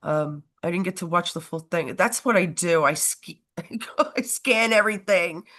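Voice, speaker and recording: On a laid-back political chat stream, a congested woman with a cold co-hosts at a moderate pace. Her voice is on the low side with a fairly bright tone, and she wanders off topic, stops mid-sentence, and laughs often.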